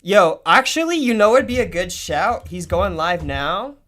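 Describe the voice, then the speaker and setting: Profane, excitable young streamer guy. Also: sits high, unhurried. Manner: profane, excitable, swings between mutters and outbursts. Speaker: livestreamer. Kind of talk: casual livestream commentary.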